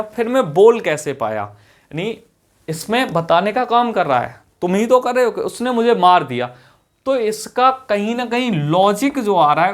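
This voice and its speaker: A man teaching an English grammar lesson to students, asking questions and answering them himself, often repeating key points and stretching words out as he writes. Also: high-pitched. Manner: repeats key points, drawn-out words while writing on the board. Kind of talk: classroom-style grammar lesson.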